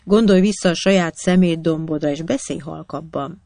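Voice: medium pitch, creaky, a little mellow, dry recording, lightly acted. A reader voicing a fierce, protective desert woman who speaks with trembling passion.

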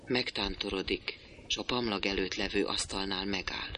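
A man reading a play's stage directions aloud in a quiet, subdued way. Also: low-pitched, fairly even intonation, a little hiss or hum. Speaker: reader.

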